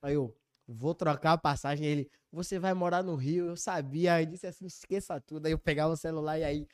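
A man's voice: on the high side, brisk, clear, resonant tone. A man with a Bahian accent, a podcast guest chatting casually and acting out quotes as he tells stories. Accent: Bahian Portuguese. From Bahia, Brazil. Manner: animated storyteller, acts out quotes. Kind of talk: casual chat. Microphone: studio mic, sometimes stepping away.

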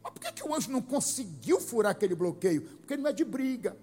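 A man with a Brazilian Portuguese accent, preaching a sermon as pastor, animated and rising to loud bursts. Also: extremely high pitch, quick pace, soft background music.

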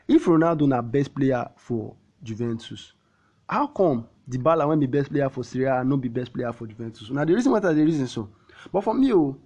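Casting: male football show host, Nigerian Pidgin, husky voice, casual storytelling full of rhetorical questions, slightly muffled recording. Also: a little high, dark tone. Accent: Nigerian, speaking Pidgin.

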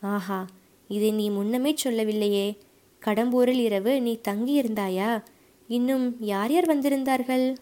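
A woman's voice: fairly high pitch, measured pace, mellow, natural voice. A woman voicing a proud, hot-tempered middle-aged male fort commander in an audiobook, speaking brusquely and with suspicion. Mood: eager, commanding. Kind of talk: audiobook character voice.

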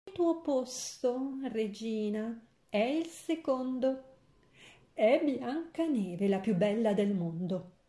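A solemn magic talking mirror, voiced by a woman reading a storybook aloud. It pronounces each word slowly and carefully in a mellow tone, with a roomy echo behind. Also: high voice, animated, a little hiss or hum, exaggerated voice. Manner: slow, measured, pronouncing.

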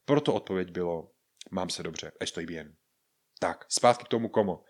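Casual, lively man teaching Spanish. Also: sits low. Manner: lively explaining, acts out example questions; casual, colloquial Czech. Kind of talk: podcast language lesson.

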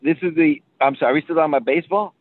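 A man on a podcast calling in remotely and chatting casually, his voice thin with no bass, joking and a bit rambling. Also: very fast, no room sound. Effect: thin voice with no bass over a call line. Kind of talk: casual chat. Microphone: remote call. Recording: tinny phone-like call line, dry.

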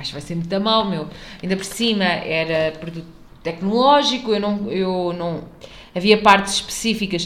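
A woman's voice: medium pitch, fairly bright tone. A young adult woman with a European Portuguese accent, hosting a casual solo podcast in a chatty, digressive way. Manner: chatty and digressive, with frequent restarts. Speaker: podcast host.

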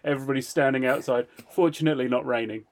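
A man tells a story on a casual podcast, his voice sitting at an everyday middle pitch. He is animated and laughs through the telling. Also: fast talker, a little hiss or hum. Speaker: podcast co-host.

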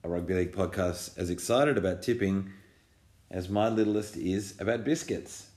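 A man's voice: low-pitched, normal speed, a little mellow, echoey room. An Australian man, around his thirties, hosting a casual podcast and talking patiently in simple questions with a small child. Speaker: podcast host.

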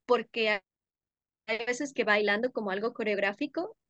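A young woman guest in a casual interview, talking warmly and effusively about sensory pleasures, often laughing. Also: on the high side, normal speed, no echo, dull audio. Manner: warm, effusive, sensory descriptions with frequent laughs. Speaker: podcast guest, workshop leader.

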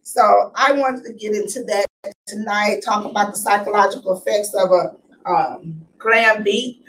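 A woman hosting her podcast in a chatty, animated way, her voice a little raspy and stuffy from allergies. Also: mid-range voice, measured pace, distant mic, slight background noise, poor audio. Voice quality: slightly raspy throat. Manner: warm, chatty, animated with fillers. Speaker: podcast host. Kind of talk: casual podcast monologue.

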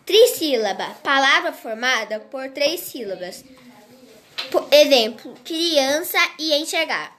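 Slow high-voiced woman reading a lesson. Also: expressive, a bit bright. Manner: slow, halting reading with restarts. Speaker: teacher. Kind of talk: reading a grammar lesson aloud.

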